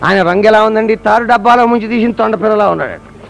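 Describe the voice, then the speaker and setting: Performing a satirical harikatha with sung verses, a man with a Coastal Andhra Telugu accent is humorous and theatrical, drifting into song. He speaks fast in a high, creaky voice, and the rough recording carries slight background noise.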